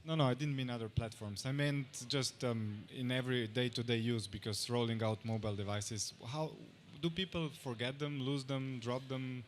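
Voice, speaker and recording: A man in the audience at a conference, asking the speaker questions with many pauses and fillers. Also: mid-range voice, fairly even intonation, slight background noise.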